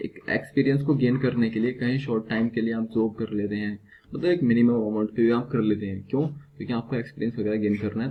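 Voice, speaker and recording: An Indian man teaches a vocabulary lesson in a steady, mid-pitched voice. He keeps posing questions to his students and answering them himself. The recording sounds dull and lo-fi, with a faint hiss underneath. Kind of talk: vocabulary lecture.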